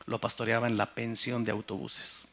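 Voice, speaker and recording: A middle-aged man with a Mexican accent, a pastor telling his testimony in a sermon, swinging between loud and hushed. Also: mid-range voice, flat delivery, moderate pace. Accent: Mexican Spanish.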